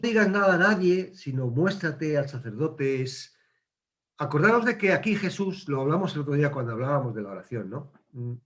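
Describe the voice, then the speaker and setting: Lively man teaching Bible study. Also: a little high. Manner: conversational, asks questions, acts out quotes. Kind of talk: casual Bible study talk.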